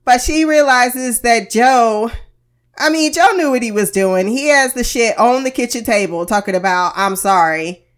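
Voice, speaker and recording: A woman's voice: fairly high pitch, normal speed. An American woman hosting a casual TV review podcast, candid and wry, sounding under the weather and heavily medicated. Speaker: podcast host.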